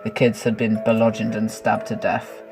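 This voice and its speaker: A man's voice: lowish voice, monotone, normal speed, over music, natural voice. A man voicing a male TV news reporter who announces a crime in a formal tone. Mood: announcing.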